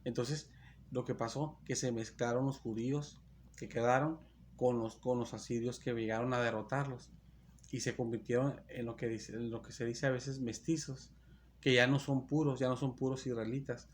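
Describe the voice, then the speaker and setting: Male pastor, mid-pitched, reads verses and explains them with stumbles and self-corrections, faint background noise. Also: fairly even intonation. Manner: explains slowly, often restarting and correcting himself; reads Bible verses aloud and comments on them. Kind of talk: sermon. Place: church.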